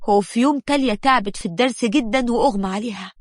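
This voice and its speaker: A woman with an Egyptian Arabic accent narrating a dramatic family story in the first person, with emotional, quick delivery. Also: a little high, no echo, clean studio sound.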